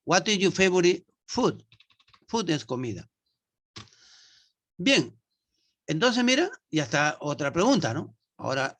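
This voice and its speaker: A man's voice: fairly high pitch, a bit bright. Male teacher, slightly raised voice, patient, keeps checking in with students. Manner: patient, repeats himself, checks understanding with tag questions. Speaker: nursing English teacher. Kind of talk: online class explanation.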